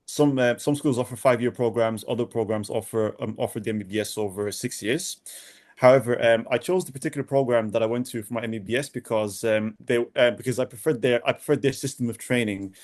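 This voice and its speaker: A young man from Sudan, a doctor answering podcast interview questions in a halting way with many restarts and repeated words. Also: mid-range voice, a little mellow. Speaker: doctor, guest.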